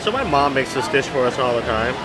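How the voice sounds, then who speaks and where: A man's voice: medium pitch, a little fast, over loud music, low-quality recording. Chatty man vlogging in a food court. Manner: relaxed, chatty food commentary with fillers. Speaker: travel vlogger. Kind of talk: casual vlog chat. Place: busy indoor mall food court. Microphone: handheld camera at arm's length.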